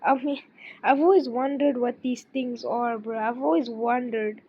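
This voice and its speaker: A woman's voice: on the high side, steady tone, normal speed, slight background noise. A woman hosting a reaction video, talking casually in slang and interrupting the clip she watches, on a dull lo-fi mic.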